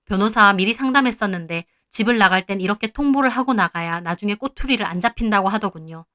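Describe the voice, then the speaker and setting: A woman's voice: medium pitch, fast talker, sharp tone. A woman in her thirties narrating a dramatic first-person family story in a confiding, indignant tone.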